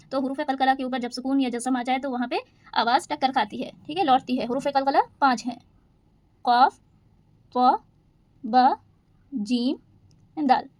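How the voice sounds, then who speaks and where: A woman teaching Quran recitation rules, patiently explaining each rule and reciting verses slowly. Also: high voice, dry recording. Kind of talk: step-by-step recitation lesson.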